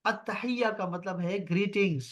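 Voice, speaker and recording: A man teaches an online grammar lesson over a video call. His voice sits fairly high, and he keeps a patient, reassuring manner, drawing out and repeating each word.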